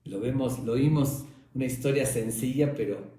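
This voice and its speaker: Guy telling a teaching story, mellow dark voice, big echo. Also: mid-range voice, moderate pace, far from the mic. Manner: warm, conversational storytelling. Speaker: religious teacher. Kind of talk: storytelling lesson. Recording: very echoey room.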